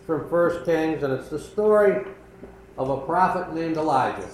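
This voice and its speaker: An older man preaching a sermon as pastor of a small church, earnest and conversational with pauses. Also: a little high, expressive, darkish tone. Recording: echoey room with faint background noise.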